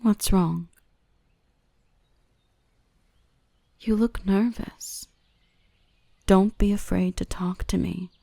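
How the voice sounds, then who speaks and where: This close-up ASMR roleplay features a woman as a gentle, softly dominant, nurturing dark elf, whose reassuring, soothing delivery often slips into a half-whisper. She speaks slowly in a mid-range voice with fairly even intonation and vocal fry, and there is no room sound.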